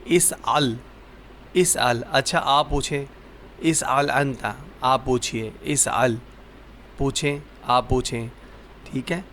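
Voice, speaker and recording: A man leads a vocabulary lesson at a patient, repetitive pace. He says each word several times and asks the listener what it is called. His voice sits in a middle pitch, with a faint hum of noise behind it. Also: fairly even intonation, a bit bright. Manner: slow, repetitive drilling of words. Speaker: Arabic teacher.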